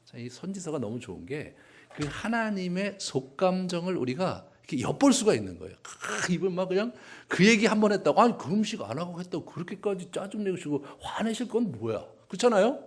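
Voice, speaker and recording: A man's voice: high voice, big pitch swings, a little fast, slightly rough. A male pastor preaching a sermon in a conversational, humorous way, often acting out voices.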